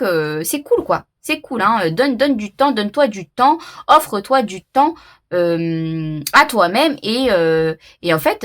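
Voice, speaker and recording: A woman's voice: mid-range voice, fairly bright tone. A woman giving a casual oracle card reading to her viewers, thinking aloud with many fillers and restarts. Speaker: tarot reader.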